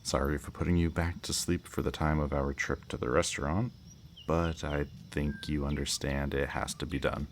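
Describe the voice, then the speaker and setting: Speaking in a level bass with vocal fry, a man plays a politely threatening, self-satisfied kidnapper for an ASMR roleplay. His delivery to the listener is slow, teasing and falsely courteous, drawing out words, with crickets chirping at night behind faint background noise.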